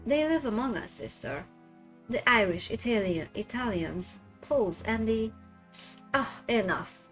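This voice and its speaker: A woman's voice: a little high, animated, a little slow, soft background music, rough recording. A woman voicing an earnest young Victorian woman with progressive views, speaking in a pleading tone.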